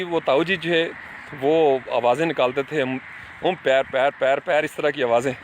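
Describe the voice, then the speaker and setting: A man's voice: a little high, a bit bright, slight background noise. A middle-aged man telling childhood stories in an earnest, reflective talk, slipping in English words and speaking straight to his listeners.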